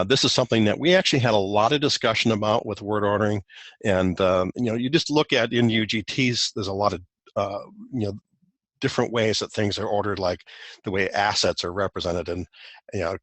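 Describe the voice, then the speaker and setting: A man's voice: fairly low pitch, a bit bright, dry recording. A man presenting a technical guide in a recorded webinar walk-through, explaining loosely with many fillers and restarts.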